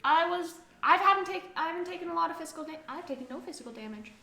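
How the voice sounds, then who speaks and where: A woman with a high, bright voice plays at a tabletop game, teasing and expressive. Her pitch moves a lot. She sounds like she is in an echoey room. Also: very fast, vocal fry. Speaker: player. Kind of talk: casual game-table chat.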